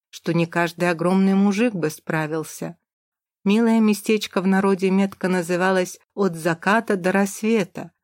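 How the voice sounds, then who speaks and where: Woman reading a romance novel aloud, dramatic, lowish voice, dry close sound. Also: a little mellow, no room sound. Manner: dramatic, vivid storytelling. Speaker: audiobook narrator. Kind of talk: first-person novel narration.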